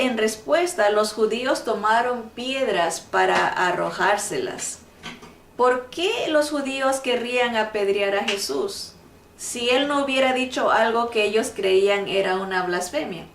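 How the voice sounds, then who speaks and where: A woman teaching a Bible lesson at an unhurried pace, earnest and emphatic, pressing her points by saying them again. She sounds set back from the mic in an echoey room, with a faint hum of noise underneath. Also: medium pitch, recorded from a distance.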